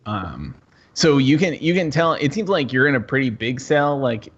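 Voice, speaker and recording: A man's voice: medium pitch, sing-song, moderate pace, slightly rough, highs cut off. A man running a tabletop game as game master, describing scenes in a loose, easygoing way.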